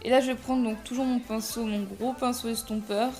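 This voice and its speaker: A woman's voice: a little high, steady tone, fairly quick, a little mellow. Chatty young woman, faint music behind. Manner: chatty, self-deprecating, many fillers and restarts. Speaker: makeup vlogger. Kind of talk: casual makeup tutorial voice-over.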